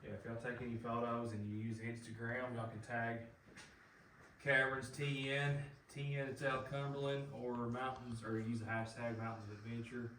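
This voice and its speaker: A man's voice: mid-range voice, flat delivery, moderate pace, bright, forceful tone. A man with a Southern US accent working as a cave tour guide, talking informally to visitors in a folksy, joking manner. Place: inside a limestone cave. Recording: echoing cave, distant mic, noisy.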